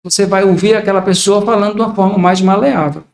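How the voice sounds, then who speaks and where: A man's voice: sits high, fairly even intonation, quick pace, vocal fry, a little mellow, echoey room. An older man, a podcast guest talking in a reflective way and acting out everyday examples. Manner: reflective, explains with acted-out examples. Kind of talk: casual podcast conversation.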